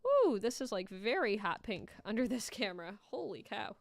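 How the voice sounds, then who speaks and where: A woman's voice: mid-range voice, sing-song, normal speed, creaky, no room sound. A woman hosting a casual livestream, chatting playfully to viewers and giving running commentary, with music behind her. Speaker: livestream host and Etch A Sketch artist.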